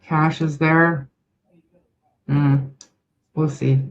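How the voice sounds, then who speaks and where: A commentator on a video call who talks haltingly with restarts, heard through a microphone that cuts in and out so the volume keeps jumping. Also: mid-range voice, flat delivery. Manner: halting, hesitant speech with restarts. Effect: mic cutting in and out, uneven volume. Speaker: commentator on a panel. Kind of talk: online video discussion. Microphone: computer mic on a video call. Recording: dull lo-fi online call mic.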